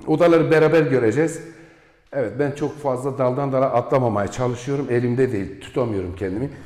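A man's voice: medium pitch, mellow. A man in his forties from Turkey, a real estate agent giving a rambling house tour with folksy asides, recorded on a camera mic while walking through an empty villa. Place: empty unfurnished villa, indoors. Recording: echoey empty rooms.

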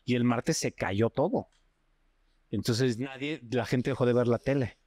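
Mexican male actor guest, animated slangy storyteller, mid-pitched, dry close recording. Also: unhurried, no echo. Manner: animated, slangy, acts out other people's cries. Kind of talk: casual storytelling chat.

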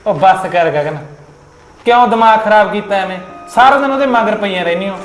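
A man's voice: high-pitched, a little fast, soft background music, natural voice. A man playing an exasperated husband. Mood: scolding. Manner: scolding, impatient. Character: exasperated young husband and protective brother. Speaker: actor in a short film. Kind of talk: melodramatic short-film acting. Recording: echoey room with long reverb.

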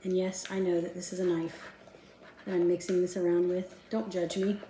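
A woman's voice: fairly low pitch, flat delivery, moderate pace, mellow, a little hiss or hum. A woman in her fifties chats her way through a recipe in her home kitchen, joking at her own expense. Her voice carries through a roomy, echoing space from a camera set across the counter. Utensils and dishes clink faintly behind her. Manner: chatty, self-deprecating, talks to herself while working. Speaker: home cooking vlogger. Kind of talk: casual cooking chat to camera. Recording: echoey kitchen with clattering dishes.

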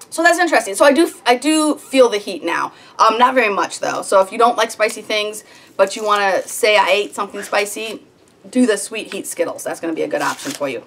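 A woman's voice: mid-range voice, a bit bright. Chatty woman vlogging at home. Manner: chatty, rambling, many ums. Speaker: homestead vlogger. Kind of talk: casual chat to camera. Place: small home sitting room.

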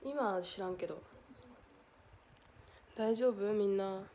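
A woman's voice: mid-range voice, slow pace, mellow. A young woman with a Hiroshima accent chatting on a livestream, reading out viewer comments and thanking them with frequent giggles. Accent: Hiroshima Japanese. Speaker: idol livestreamer. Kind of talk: casual livestream chat.

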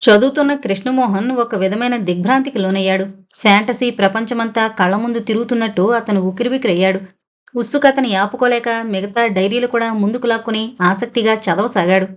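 A woman narrating a suspense audio novel in a steady storytelling reading. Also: fairly high pitch, a little fast. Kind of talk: scripted narration.

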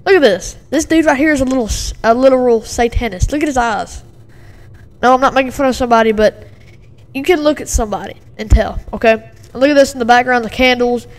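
A woman's voice: fairly high pitch, fast. Agitated rambling woman, reacting. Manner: agitated, rambling, many fillers and repeats. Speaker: video commentator. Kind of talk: casual reaction commentary. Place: home with a dog and a TV in the background.

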